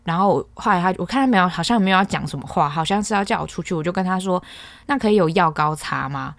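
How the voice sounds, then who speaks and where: Fast-talking young woman, exasperated, lowish pitch. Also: gravelly, no room sound. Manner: chatty, exasperated, ranting. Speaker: podcast host. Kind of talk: casual storytelling.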